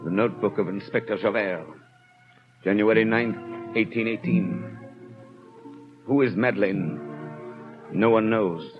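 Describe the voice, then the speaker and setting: An actor playing a watchful, suspicious police inspector in a 1930s radio drama, reading notebook entries in a measured, clipped, probing manner. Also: male voice, lowish voice, natural voice. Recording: dull 1930s radio recording. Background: clear music.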